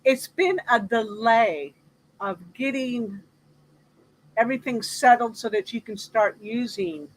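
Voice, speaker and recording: A woman's voice: fairly high pitch, lively intonation, slow, rough recording. A woman hosting a casual live chat about everyday practical matters, speaking conversationally.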